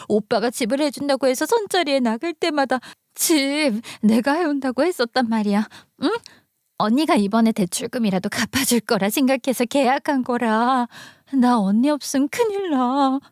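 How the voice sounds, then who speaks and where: A woman's voice: on the high side, no room sound, clean studio sound, voice pushed up. A woman voicing a desperate young sister-in-law who pleads and clings in a radio story.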